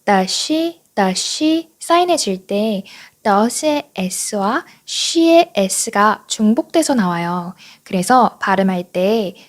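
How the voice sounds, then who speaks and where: Slow, patient woman teacher. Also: mid-range voice, animated. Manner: clear, patient teaching with slow repeated model phrases. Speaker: English teacher. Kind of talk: online English lesson.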